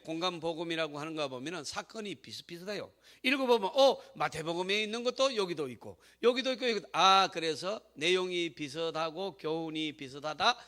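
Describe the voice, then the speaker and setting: A man pastor preaching a sermon, telling a story emphatically and calling out to the congregation, moving from hushed to loud. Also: high voice. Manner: swings between hushed storytelling and loud exhortation.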